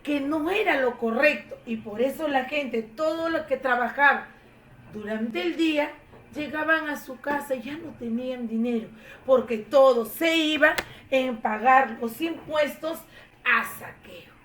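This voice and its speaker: Slow, high-voiced woman telling a children's story. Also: far from the mic. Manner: expressive, addresses children. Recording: echoey room, faint noise.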